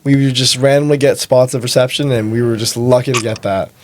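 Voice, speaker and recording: A man's voice: medium pitch, fairly even intonation, a little fast, a little hiss or hum. Young man recounting a story plainly. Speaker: guest, host's son.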